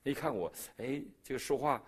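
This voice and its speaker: A man's voice: moderate pace, breathy edge. A middle-aged man from China with a Beijing accent, telling his testimony in a sermon and acting out the dialogue. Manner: animated storyteller who jumps in pitch and loudness, acting out dialogue. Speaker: preacher giving a testimony.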